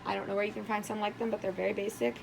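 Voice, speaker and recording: Bubbly sorority girl with a creaky, hoarse voice. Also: medium pitch, flat delivery, rapid-fire, background noise. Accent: American. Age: young adult. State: hoarse, losing her voice. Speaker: vlogger. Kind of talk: casual chatty vlog.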